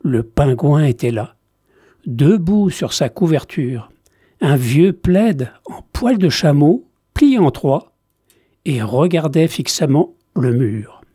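A man reading a novel excerpt aloud in a measured, deliberate scripted narration. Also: a little high, big pitch swings, dark tone, breathy edge, no echo, clean studio sound. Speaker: reader of book excerpts.

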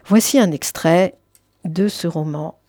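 A woman presenting and reviewing novels in a calm, measured scripted manner. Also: fairly low pitch, no room sound, studio quality. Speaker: book reviewer.

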